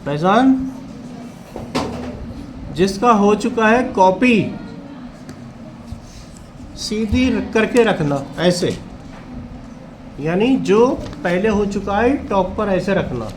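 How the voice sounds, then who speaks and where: A high-voiced male teacher talks slowly and unhurriedly in a classroom, keeping watch over students during a test. He coaxes them gently and calls them by name, and a faint hum of the room stays in the background. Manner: calm, coaxing, addresses students by name.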